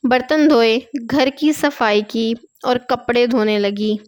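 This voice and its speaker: A woman reads a long tale aloud, her voice smooth and clear and set a touch above the usual pitch. She keeps a steady, gentle reading pace and folds the characters' lines into her own narration. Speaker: storyteller. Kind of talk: storybook narration.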